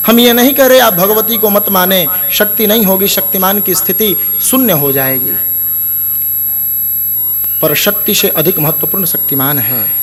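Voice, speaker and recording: A man preaching a scripture sermon with a notably high voice. He intones Sanskrit verses at a slow pace, then explains them in everyday speech, often turning to his listeners directly. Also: fairly bright tone. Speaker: Bhagwat Katha preacher. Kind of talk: devotional sermon with scripture recitation.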